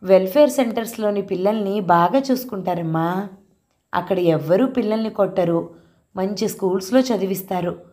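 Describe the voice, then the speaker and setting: A woman doing a gentle, soothing grandmother. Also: medium pitch, moderate pace, natural voice. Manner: tender, coaxing.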